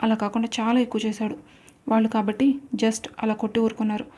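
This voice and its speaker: A cocky young man full of attitude, as a woman storyteller voices him in a storybook tale. He threatens in a level, mellow voice pitched on the high side, with little rise and fall. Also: completely flat delivery, fast talker, lightly acted. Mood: threatening. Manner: menacing, mocking.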